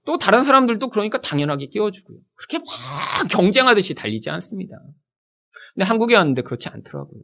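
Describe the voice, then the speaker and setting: Animated, high-voiced male pastor preaching. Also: fast talker, creaky. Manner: animated, acts out quoted people in his preaching. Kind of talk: sermon. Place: church.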